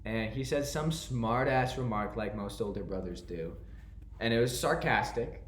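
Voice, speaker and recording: Male podcast co-host, playful needler, animated and mock-indignant, roomy sound. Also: fairly low pitch, moderate pace, a little hiss or hum. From New York. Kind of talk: casual podcast banter. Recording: roomy echo.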